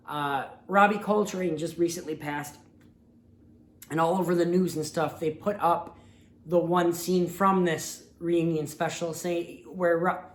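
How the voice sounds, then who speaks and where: His voice sits high but keeps fading from illness as he sniffles through a rambling, sincere take on his casual movie review show. The room gives the audio a noticeable echo.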